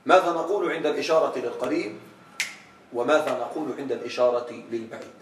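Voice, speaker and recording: A man teaching an Arabic grammar lesson in a classroom, quizzing his students with questions and stretching out words slowly for emphasis. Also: medium pitch, slight background noise. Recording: echoey room, from far off.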